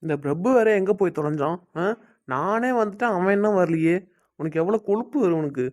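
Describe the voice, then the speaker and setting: A man's voice: high voice, fairly quick, darkish tone, natural voice. A young man playing an easygoing, caring husband who chats with his wife and teases his friend, in an amateur family drama. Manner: easygoing, talkative.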